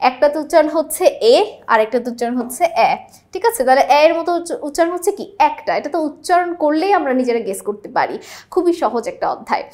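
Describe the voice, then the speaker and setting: A woman's voice: high-pitched, lively intonation, rapid-fire, a little mellow. A young woman teacher going through multiple-choice exam questions, often asking the listener rhetorical questions to check they follow. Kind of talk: exam-prep lesson explaining answers.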